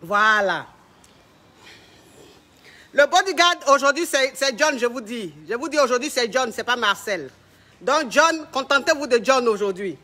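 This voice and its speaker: A relationship coach, speaking live from home in a very high, bright, forceful voice. He is a man with a flamboyant and mocking manner, teasing his viewers with theatrical flair. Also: animated, unhurried, long pauses. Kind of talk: live stream chat. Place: at home with family around.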